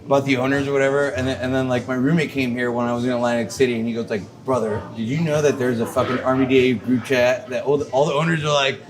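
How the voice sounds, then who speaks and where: A man's voice: medium pitch, steady tone, quick pace, hardly any pauses, crowd noise. A young man hosting a casual podcast over beers, rambling with many restarts, swearing and laughing. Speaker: podcast host.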